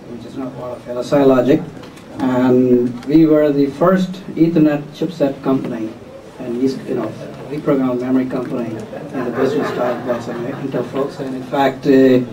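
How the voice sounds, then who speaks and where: A man from India introduces his career at a panel in an easygoing, self-mocking way, pausing often on fillers. He sounds distant from the mic in an echoey hall, with an audience around him. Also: mid-range voice. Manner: relaxed, many fillers and self-deprecating asides. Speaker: panelist entrepreneur. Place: conference hall before an audience.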